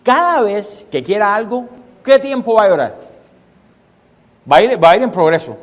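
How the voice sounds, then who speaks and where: A man's voice: high-pitched, very animated, normal speed, long reverb tail. A male pastor preaching a sermon, emphatic, repeating phrases for stress and firing rhetorical questions at his congregation.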